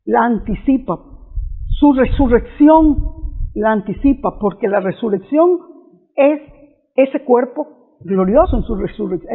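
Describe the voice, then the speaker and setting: A man's voice: very high voice, vocal fry, slightly rough. A man preaching an unscripted reflection on scripture, earnest, often restarting and repeating his phrases. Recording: tinny phone-like audio.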